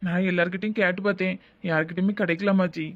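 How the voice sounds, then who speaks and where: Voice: mid-range voice, steady tone, rapid-fire, narrow, tinny audio, natural voice. A voice actor playing a grown son, a defensive, work-shy drinker in a cartoon drama. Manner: sulky, defensive retorts.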